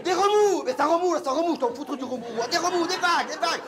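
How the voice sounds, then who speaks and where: A man playing a pushy, excitable male casting director who barks orders at an actor during an audition, in a live one-man comedy show. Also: very high-pitched, very fast, crowd noise, voice pushed up. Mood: demanding. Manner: bossy, demanding, impatient.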